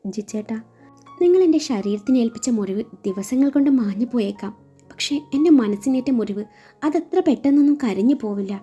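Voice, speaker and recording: A woman's voice: fairly high pitch, animated, brisk, husky. A woman voicing a wounded young wife. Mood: hurt, quiet. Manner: quiet, wounded, tearful pleading. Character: young wife, hurt and angry. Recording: slightly dull audio, faint music.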